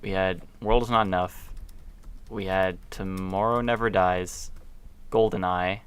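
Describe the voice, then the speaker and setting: A man's voice: low voice, steady tone, measured pace, clean tone. A man co-hosting a podcast from a home basement, tossing out dry, teasing quips in casual chat. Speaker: podcast co-host.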